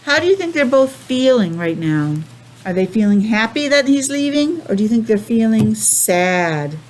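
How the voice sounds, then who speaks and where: A woman's voice: fairly high pitch, normal speed, a little hiss or hum, rough recording. A woman teacher reading a picture book aloud to young children, with chatty asides and simple questions. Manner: animated, addressing small children with simple questions.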